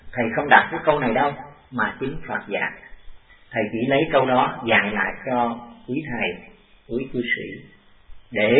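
An older monk teaches a class at a measured, halting pace, circling back over his own phrases. His voice sits at a middling pitch and comes from away from the mic. The recording is a tinny, phone-like old tape in an echoey room. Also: distant mic. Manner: halting and deliberate, repeating phrases. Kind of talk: dharma talk to a class.

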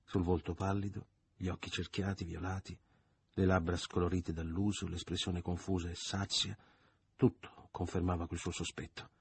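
A man reading a novel aloud as an audiobook, in measured and dramatic narration that at times sinks quiet. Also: deep voice, little pitch movement, slight background noise. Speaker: audiobook reader.

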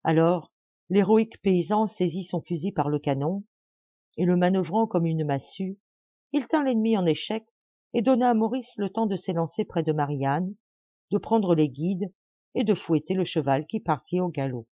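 A woman reading a classic novel aloud in a measured, dramatic storytelling manner. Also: on the low side, dark tone, no room sound, dull audio. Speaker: audiobook reader. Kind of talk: audiobook narration of a classic novel.

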